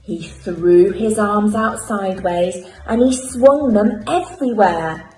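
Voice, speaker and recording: Woman teacher reading a kids story, expressive, faint music behind. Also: medium pitch, reverberant, poor audio. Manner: clear, expressive, unhurried storytelling. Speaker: primary school teacher. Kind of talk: reading a picture book aloud to children.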